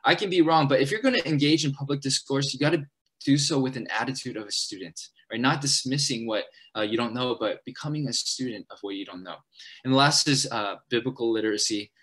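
A young adult man leading a church seminar for college students. He talks in a hurried, earnest way, with many fillers and restarts. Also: medium pitch, fairly bright tone, husky. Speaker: college ministry leader at a church.

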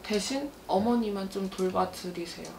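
A woman's voice: mid-range voice, normal speed, gravelly, a little mellow, distant mic. Blunt woman fortune teller, echoey room. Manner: blunt, mixes casual and polite speech, relays what the spirits say. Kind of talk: fortune-telling consultation. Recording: echoey room with faint noise.

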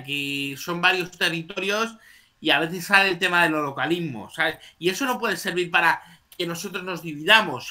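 A man's voice: on the high side, bright, forceful tone. A man from Spain with a Spanish accent, hosting a casual online debate and rambling with frequent tag questions.

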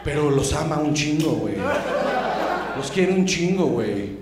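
Brash, profane Mexican comedian. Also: male voice, on the high side, expressive, crowd noise. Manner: brash, profane, rapid slang. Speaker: stand-up comedian. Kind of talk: stand-up comedy set. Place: comedy club stage with live audience. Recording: roomy live club with audience laughter.

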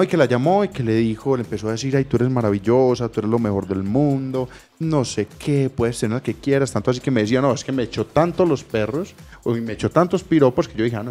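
A man, a singer-songwriter guest, telling a story in a casual radio interview with easy laughter. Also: mid-range voice. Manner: lively storyteller, laughs easily.

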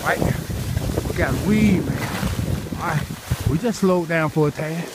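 Filming himself skiing with a handheld phone or camera, a middle-aged man speaks in a fairly high pitch, straining as he gives viewers live commentary in brief, repeated phrases. Heavy wind noise and rushing ambience dominate.

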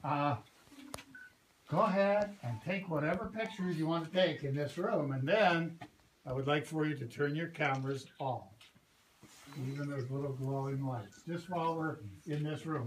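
A park ranger with a voice on the high side, speaking at normal speed, leads a guided cave tour from the visitor center lobby into a cave. He explains things patiently and often checks in with the group, while the cave's echo and loud ambient noise fill the recording.

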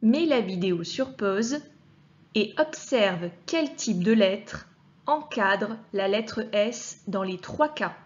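Slow, patient woman teaching children. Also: medium pitch, expressive, lo-fi sound. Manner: patient, addresses the child directly, deliberately articulated sounds. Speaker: primary school teacher. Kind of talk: slow, clear reading lesson for children.

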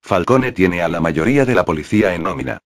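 Cautious adult male ally, low and even, as voiced by the male narrator. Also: fairly quick, no echo. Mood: wary.

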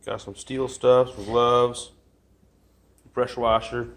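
This casual vlog has a man strolling through his garage and yard, partly outside, holding his phone to film while he talks offhandedly, rambling and using fillers. He speaks slowly, at a medium pitch, in a level tone.

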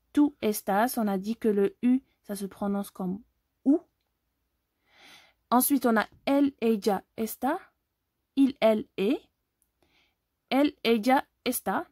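A woman's voice: medium pitch, dark tone, no room sound, studio quality. A woman from Algeria teaching an online language lesson, explaining step by step and often checking that viewers follow.

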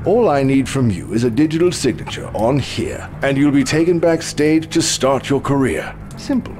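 An actor playing a smug, sardonic devil in a video game, with a British accent and a teasing, theatrical drawl. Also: male voice, mid-range voice, expressive, normal speed, darkish tone, close to an everyday voice. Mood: sly, businesslike. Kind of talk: video game character acting. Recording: game audio with music behind.

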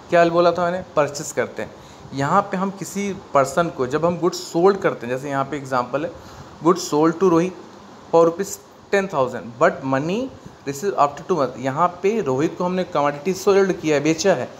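A man with an Indian accent teaching an accountancy lesson, explaining step by step and asking and answering his own questions. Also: fairly high pitch. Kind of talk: classroom lecture mixing Hindi and English. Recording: faint background noise.

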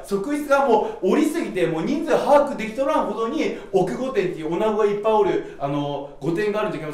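A man's voice: sits high, a little mellow. A young man lecturing theatrically to camera as a samurai-persona history host, mixing archaic warrior speech with casual talk, stretching key words for emphasis. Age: young adult. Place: small bare room at a whiteboard. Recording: echoey room, distant microphone.

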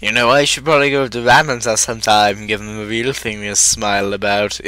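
A woman's voice: a bass voice, steady tone, a little fast, fairly bright tone. A woman voicing a manic, giggling male villain clown, reacting to videos in character with crude, theatrical remarks. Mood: gleeful, unhinged.

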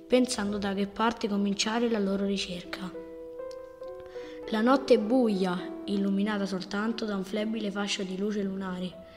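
A woman narrating a children's audiobook in a slow, atmospheric reading. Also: medium pitch. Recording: reverberant audiobook over loud music.

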